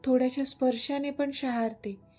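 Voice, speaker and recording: Soft, reassuring young husband, mellow and breathy , read by a woman narrator in a storybook. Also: high-pitched, fairly even intonation, moderate pace, soft background music. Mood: tender. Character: gentle, teasing young husband.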